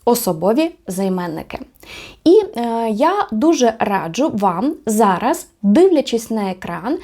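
A woman's voice: a little high, dark tone. Friendly woman teaching a video lesson. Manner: slow careful repetition of example words; friendly, encouraging, with fillers. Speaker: language teacher.

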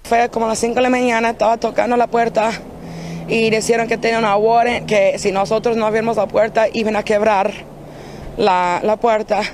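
Woman from the united states, high voice, halting eyewitness account, repeats words, outdoors with faint traffic. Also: little pitch movement. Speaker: interviewee. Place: outdoors in an apartment parking lot.

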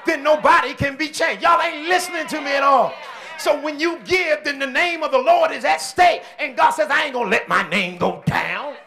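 A man preaching a sermon as senior pastor, with call-and-response shouting bursts and quieter stretches. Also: extremely high pitch, normal speed, vocal fry. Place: church.

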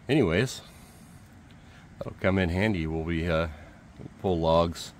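Laid-back man with a lowish voice. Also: a little hiss or hum. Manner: relaxed, offhand, thinking aloud with dry jokes. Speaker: homesteader showing his truck. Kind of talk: casual walkaround vlog. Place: outdoors at a farmyard and inside a truck cab.

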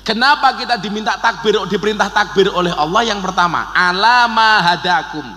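A man with a Javanese accent preaching a lively, joking sermon, swinging between soft and loud. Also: high-pitched, brisk. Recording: echoey hall.

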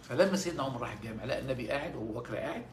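Egyptian preacher, male, rapid-fire storytelling sermon with emotional peaks, echoey room, faint ambience. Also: mid-range voice, slight background noise. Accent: Egyptian Arabic. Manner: animated, rising to emotional peaks when quoting.

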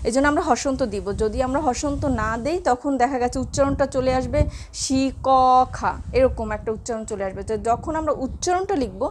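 Woman teacher, high voice, patient and repetitive, light background hiss. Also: expressive, a little mellow. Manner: slow, repeats examples for students. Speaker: Bengali teacher. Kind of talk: classroom lesson on pronunciation.

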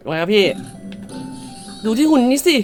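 A woman doing lively let's-play commentary, her pitch swinging widely as she shouts and exclaims. She swears at the characters in fun and sometimes drops into a polite shop-clerk tone. Soft music plays underneath. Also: moderate pace. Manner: loud, exclamatory, swears playfully at game characters. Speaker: gamer.

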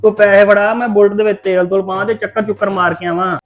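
Brash teasing Punjabi man, rapid talk. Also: high-pitched, level tone. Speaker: brother in a family drama. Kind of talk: Punjabi web-series acting.

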